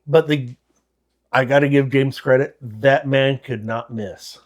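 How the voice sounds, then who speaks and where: A man co-hosting a podcast in casual, profane chat, easygoing and quick to agree. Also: medium pitch, fairly even intonation. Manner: laid-back, profane, laughs along. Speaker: podcast co-host.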